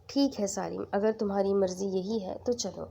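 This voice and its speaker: A woman's voice: medium pitch, vocal fry, warm tone, slight background noise, close to an everyday voice. A woman voicing a hurt young woman who speaks while sobbing. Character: young woman, wounded, tearful daughter.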